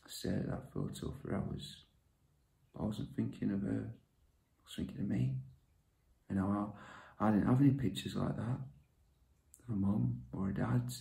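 An actor playing a withdrawn man raised by his grandmother, talking in a halting, confiding way that often drops to a whisper. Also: on the low side, steady tone, vocal fry, dark tone. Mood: confessional. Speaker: actor performing a monologue. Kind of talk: dramatic monologue. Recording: echoey room.

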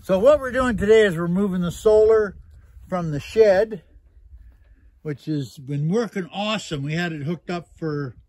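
A man's voice: high voice, moderate pace, a little mellow, no echo. A Canadian man vlogging in a rambling, joking way, casually swearing as he talks through a project. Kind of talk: casual chat.

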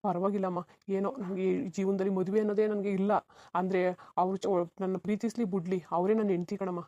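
A woman voicing a sad, self-sacrificing young married man in a cartoon, talking in a soft, resigned, pleading way. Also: mid-range voice, flat delivery, brisk, dry recording, highs cut off, natural voice. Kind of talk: cartoon voice acting.

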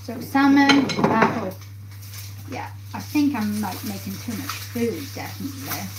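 With a medium-pitched voice, lively intonation, and an unhurried pace, a woman talks casually to her live viewers while cooking at the stove in her home kitchen as a livestream host. Her phone camera rests close by on the counter, and the recording catches kitchen noise and pans sizzling in the background.

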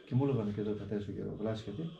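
Deep, mellow-voiced monk in an echoey space. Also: male voice, creaky. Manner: deliberate, often repeats a filler word; recites the prayer slowly with varied stress. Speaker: hermit monk. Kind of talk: interview; explaining a prayer. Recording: echoey, dull recording with faint background noise.

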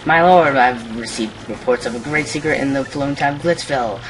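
A man's voice: mid-range voice, a little fast, fairly bright tone, soft background music, voice pushed up, natural voice, low-quality recording. A man doing a fussy old witch servant. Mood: haughty.

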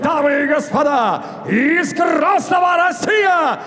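Booming ring announcer, man, high swooping voice. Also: animated. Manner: formal, drawn-out shouted names. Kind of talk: booming stage introduction of fighters. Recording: booming hall reverb, faint crowd.

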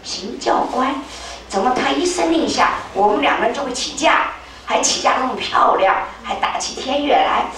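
An older woman telling a religious testimony as a spiritual leader, animated, acting out voices with sudden high leaps. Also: normal speed. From Taiwan. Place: temple hall. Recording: very echoey hall, distant mic, faint hiss.

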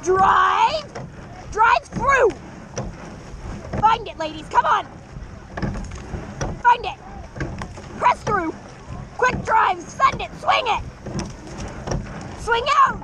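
A young woman coxswain shouting urgent, clipped, repetitive race commands to urge on rowers, outdoors in a boat. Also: very high-pitched, animated, extremely slow, long pauses. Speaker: rowing coxswain. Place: outdoors in a boat on open water. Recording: loud wind and water noise. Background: rowing clicks, water and wind.

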